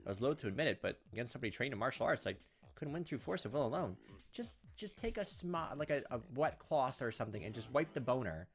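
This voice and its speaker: This gameplay host, a man with a medium pitch, talks quickly and swings his pitch widely as he theatrically reads a visual novel aloud. He breaks in with jokes while game music runs behind him.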